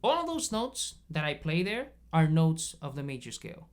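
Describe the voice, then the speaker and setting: A man teaching bass guitar in a casual video lesson, explaining patiently step by step and checking in often. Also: sing-song, normal speed. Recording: bass guitar playing between phrases.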